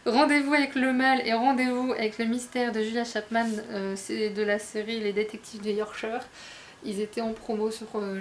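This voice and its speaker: A woman book vlogger chats casually about her new books in a medium-pitched voice, with a little hiss or hum on the recording. She's hesitant, uses lots of fillers and laughs often.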